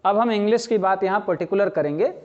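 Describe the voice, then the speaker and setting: A middle-aged man teaching a language lesson, explaining slowly, repeating key phrases and asking his students questions. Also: high-pitched. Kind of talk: classroom lecture. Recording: slightly dull lo-fi sound.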